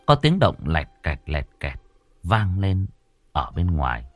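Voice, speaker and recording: A man narrating a horror story in a measured, dramatic way. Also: low-pitched, sing-song, dry recording, faint music behind.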